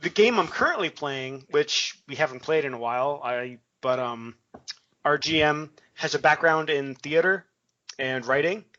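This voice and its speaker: Casting note: man, a bit higher-pitched than most, halting co-host with a dry wit, dull lo-fi mic. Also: lively intonation, pushed and bright. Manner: hesitant, lots of ums and restarts, dry humor. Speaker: podcast co-host. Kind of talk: casual chat. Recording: slightly dull lo-fi recording.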